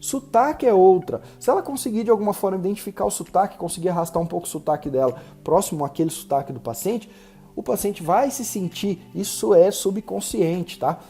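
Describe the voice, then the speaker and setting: A man from Brazil who talks fast, hosting a solo podcast and coaching the listener directly. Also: sits high, warm tone. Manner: fast-talking, instructive, addresses listener directly. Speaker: podcast host.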